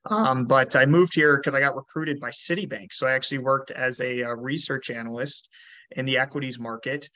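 Male podcast guest from Georgia, bright tone, rambling, restarts often, dry close recording. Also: mid-range voice, fairly even intonation, brisk, no echo. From Georgia, US South. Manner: chatty, many fillers and restarts. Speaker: podcast guest, rental investor. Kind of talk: casual interview talk.

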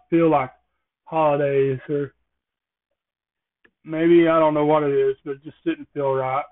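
Man, podcast host, rambling jokey monologue, slow-paced, higher voice, tinny phone-like sound. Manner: rambling, jokey observational musings. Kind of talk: casual solo podcast monologue.

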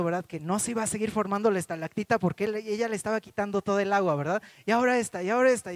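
A man, preaching as a pastor and telling a story, with many halting repeats. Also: high voice, no room sound. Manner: halting, repeats words often. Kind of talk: sermon with personal story.

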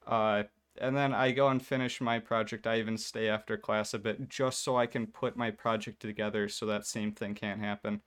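A man's voice: fairly low pitch, steady tone, normal speed, few pauses, fairly bright tone, smooth. A young man co-hosting a casual chat, telling a story and acting out the people in it. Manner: storytelling, mimics others in quotes. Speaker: podcast co-host.

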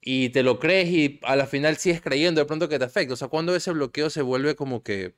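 Smooth-voiced man, halting questions. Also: on the high side. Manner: halting, searching for words while asking. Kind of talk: casual chat.

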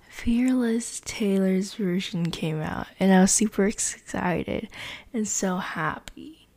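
A teenage girl chats casually on her own podcast, rambling along in a slow, unhurried way. Her voice has a gravelly, fried edge and often drops to a soft half-whisper. She stops often and fills the gaps with small fillers. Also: medium pitch. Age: teens. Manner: rambling, halting, heavy on fillers. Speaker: podcast host. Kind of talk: casual chat.

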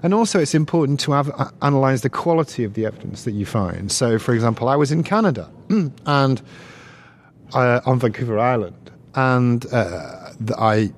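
A man's voice: mid-range voice, expressive, moderate pace. A man, a guest on an interview show, telling long stories with many restarts and easy laughs. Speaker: guest, researcher. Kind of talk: casual interview chat.

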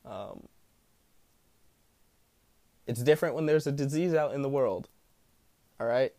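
A man speaks casually into a solo podcast in a smooth, mid-pitched voice. His talk rambles along loosely, peppered with slang and profanity. The sound is dry, with no room echo. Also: expressive, measured pace, dark tone. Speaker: podcast host.

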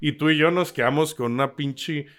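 A man's voice: fairly high pitch, normal speed, fairly bright tone. A Mexican man co-hosting a casual podcast about business, joking and rambling with lots of filler words. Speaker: podcast co-host.

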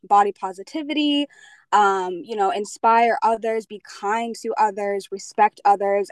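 Relaxed young woman, dry close sound. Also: mid-range voice, a little slow, dry recording. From Jamaica, grew up in Pennsylvania. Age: 20s. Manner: relaxed, many "um" fillers, easygoing. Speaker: model, interview guest. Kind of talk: casual interview answers.

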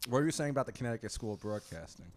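A male co-host in loose comedic banter. His delivery is wisecracking and his pitch is lively, moving up and down freely. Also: racing.

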